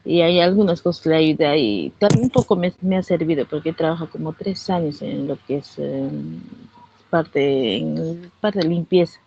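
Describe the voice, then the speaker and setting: A woman's voice: sits low, normal speed, creaky, mellow, dull audio, a little hiss or hum. A woman student, telling a chatty story about a former boss in class. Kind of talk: classroom anecdote.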